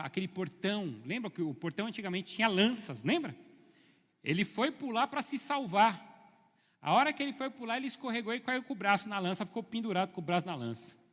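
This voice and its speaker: Pastor, male, middle-aged: high, bright, storytelling sermon in a hall with long reverb. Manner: storytelling, swings from soft to loud and emphatic.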